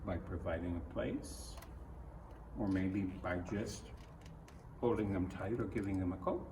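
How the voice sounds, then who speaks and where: An older man reads a children's picture book aloud in a low, slightly slow voice, adding folksy, grandfatherly asides aimed straight at young listeners. The recording has a roomy echo, a distant mic and a noisy background.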